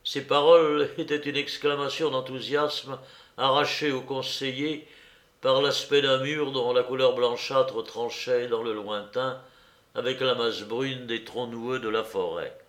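A man narrating a classic novel as an audiobook, reading in a measured, expressive way. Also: medium pitch, echoey room.

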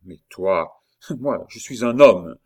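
A man's voice: lowish voice, animated, slow. A man voicing a wry, gallant nobleman friend who arrives to help. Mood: jaunty. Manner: jaunty, wry.

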